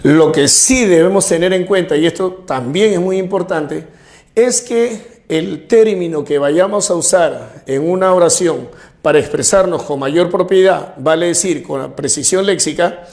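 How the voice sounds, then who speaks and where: A man with a high, light voice and a Peruvian Spanish accent teaches a recorded lesson. He goes through examples one at a time and slows down to read them out. He keeps checking that students follow with quick questions like "right?". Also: gravelly, darkish tone. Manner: explains slowly with examples, checks understanding with tag questions. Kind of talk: recorded class lecture.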